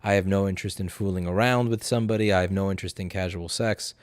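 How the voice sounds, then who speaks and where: Male livestream host, drunk, lower-pitched, blunt and profane, casually fielding chat questions in a dry-sounding space. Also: fairly even intonation, fast talker, no room sound. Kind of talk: casual livestream Q&A, reading viewer messages aloud.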